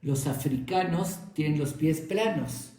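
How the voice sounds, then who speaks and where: A man's voice: a little high, takes it slowly, creaky, warm tone, far from the mic, voice pushed up. A man putting on a pesky young guy nagging with dumb questions, raised voice, echoey hall. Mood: pestering. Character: provocative young man pestering with silly questions. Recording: very echoey room.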